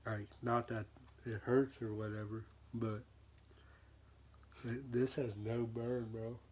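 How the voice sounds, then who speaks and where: A man's voice: medium pitch, flat delivery, takes it slowly, darkish tone, breathy edge. A young man casually reviewing a product, slangy and rambling, talking with dip in his lip. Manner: laid-back, slangy, rambling.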